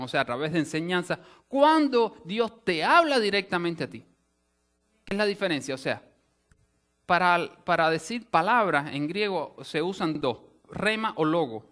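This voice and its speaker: A man's voice: a little high, a bit bright. A male pastor teaching a sermon in an explanatory way, often restarting phrases and rephrasing with asides. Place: church sanctuary.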